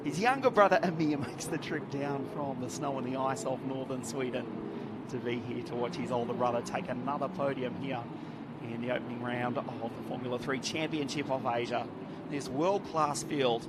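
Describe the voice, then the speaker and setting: A man's voice: medium pitch, steady tone, normal speed, very noisy. A man doing live motorsport commentary as lead commentator, enthusiastic and chatty, laughing easily.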